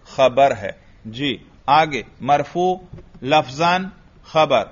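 A man's voice: medium pitch, animated. A man teaching an Arabic grammar lesson, firing questions at his students and answering them himself. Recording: dull lo-fi recording.

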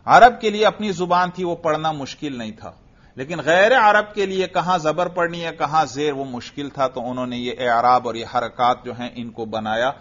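Male teacher in a classroom lesson, slightly high pitch, questions the class and drills examples slowly, dull recording. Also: fairly bright tone. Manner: drills students with questions, slow emphatic recitation of examples. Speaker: Arabic grammar teacher.

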